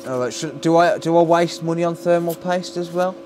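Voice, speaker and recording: This British repairer's voice is fairly high, fairly quick and a little mellow as he chats casually on a live stream while working. Set at an indoor electronics repair workbench, the clearly noisy recording is full of his blunt, sweary, joking banter.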